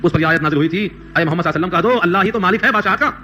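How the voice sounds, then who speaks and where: High bright-voiced male preacher. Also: a little hiss or hum. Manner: recites Arabic verses slowly then explains them plainly; emphatic, repeats phrases for stress. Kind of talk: Quran commentary sermon.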